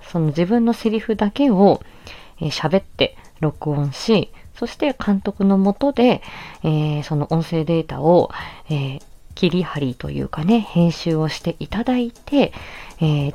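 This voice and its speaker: Her voice is low-pitched and mellow. This host and amateur voice actress runs a casual solo audio stream, where she chats politely and explains things.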